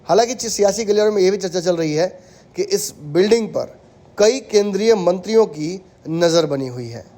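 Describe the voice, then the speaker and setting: High-voiced, mellow male news anchor. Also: lively intonation. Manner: measured, emphatic political commentary. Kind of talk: scripted news commentary.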